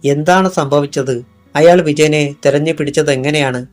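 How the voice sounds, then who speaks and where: A man's voice: on the high side, moderate pace, soft background music, natural voice. A man reading the part of an anxious, caring young woman in an audiobook.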